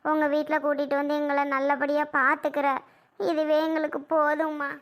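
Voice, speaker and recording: A woman's voice: sits high, completely flat delivery, normal speed, lightly acted. A woman playing a worried older village mother in a family skit, talking in an emotional, pleading way. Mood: gentle. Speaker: mother-in-law.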